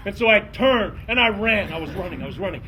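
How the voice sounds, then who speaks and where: A man's voice: high voice, lively intonation, fast talker, a crowd in the background, low-quality recording. Theatrical man telling a campfire story. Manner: theatrical, swinging from hushed to shouting.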